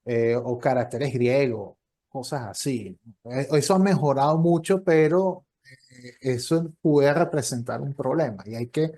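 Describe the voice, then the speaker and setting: A man who works as a professor and copy editor gives an online lecture with audience questions, explaining things conversationally and acting out short dialogues. He speaks in a mid-range, warm voice at a slightly slow pace.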